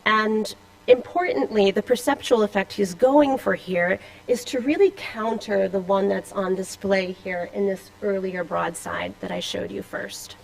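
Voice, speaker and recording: Conference speaker, woman, slight Boston accent, gravelly, scholarly with offhand asides. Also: mid-range voice, measured pace, poor audio. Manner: scholarly, reading a paper with asides and fillers. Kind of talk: academic conference talk. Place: lecture room with slides.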